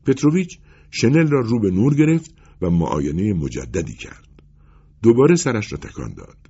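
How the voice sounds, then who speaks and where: A man reading a literary story aloud as narrator, in a measured storytelling way. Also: lowish voice, very animated, vocal fry, warm tone, husky. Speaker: audiobook narrator. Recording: dull lo-fi recording.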